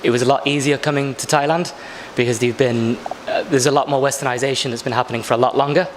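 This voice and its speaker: A man's voice: medium pitch, fairly even intonation, fast talker. A man in his twenties from England, explaining his travels in articulate, flowing sentences. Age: 20s. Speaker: backpacker interviewee. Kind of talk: casual interview answers. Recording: long reverb with faint background noise.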